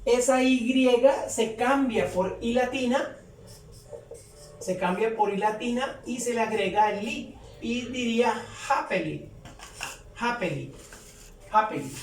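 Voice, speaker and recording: Woman teacher, very slow and careful delivery, recorded far from the mic with faint background noise. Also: fairly high pitch, darkish tone. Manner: repeats each example slowly and deliberately. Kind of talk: slow explanatory lesson. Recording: roomy echo, distant from the mic, faint background hum.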